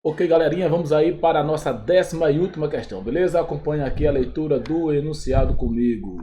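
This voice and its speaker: A man's voice: fairly high pitch, quick pace, warm tone. A man with a Brazilian Portuguese accent, a Portuguese teacher going step by step through exam questions and checking in with his students after each point. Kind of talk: exam review lesson.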